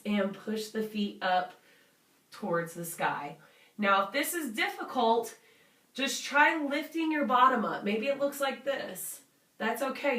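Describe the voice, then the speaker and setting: A woman's voice: fairly high pitch, fairly bright tone. A woman leading a guided workout as a fitness instructor, encouraging and reassuring in an informal way. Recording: roomy, distant microphone.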